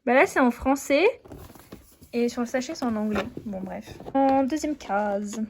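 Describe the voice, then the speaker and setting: A woman's voice: fairly high pitch, animated, unhurried, darkish tone, a little hiss or hum. A young woman vlogging at home in a chatty, enthusiastic way, with many fillers. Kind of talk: casual chat.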